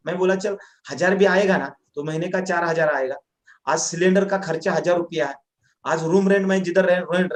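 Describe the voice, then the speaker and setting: Man, motivational testimonial, acts out dialogue, high voice. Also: roomy sound. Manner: storytelling, acting out dialogue. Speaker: direct selling distributor.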